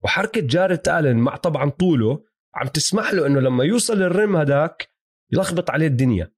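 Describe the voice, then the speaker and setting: A man's voice: a little high, animated, fast, husky. A man with a Levantine Arabic accent co-hosting a casual sports chat, mixing English terms into his Arabic. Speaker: sports podcast co-host.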